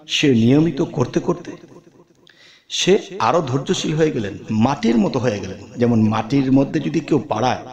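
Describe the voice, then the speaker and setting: A man giving an earnest religious talk, lifting his voice on questions and then dropping low and soft. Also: reverberant. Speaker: preacher.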